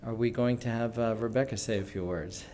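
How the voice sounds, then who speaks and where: A man's voice: medium pitch, fairly quick, heavy background noise. A man speaking at a school graduation, introducing the next speaker and telling an informal story with quoted dialogue. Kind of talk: ceremony speech with anecdote. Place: event hall.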